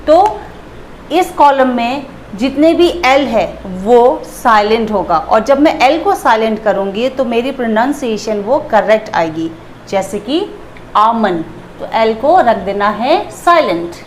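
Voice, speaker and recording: A woman's voice: a little high, lively intonation, measured pace, a little hiss or hum. A woman teaching a pronunciation lesson, spelling out letters and repeating each word. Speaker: English teacher.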